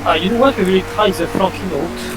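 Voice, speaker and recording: French-accented gamer, high voice, noisy headset line, quick tactical callouts. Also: male voice. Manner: short callouts. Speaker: player on voice chat. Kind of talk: casual game chat. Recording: noisy voice chat mic.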